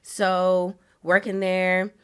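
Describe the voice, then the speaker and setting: A young woman from Atlanta, a podcast guest telling her story in relaxed, rambling casual chat. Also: on the low side, very slow, noisy background. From south side of Atlanta. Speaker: guest, hair braider.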